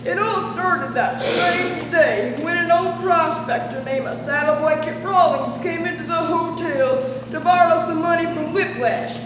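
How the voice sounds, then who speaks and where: A woman's voice: very high-pitched, unhurried, hardly any pauses, over music. A young female student playing a garrulous, boastful old Wild West cowboy in the folksy manner of an old prospector, in a school stage play. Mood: storytelling. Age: young teenager. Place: school stage, recorded from afar. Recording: echoey noisy hall, distant microphone.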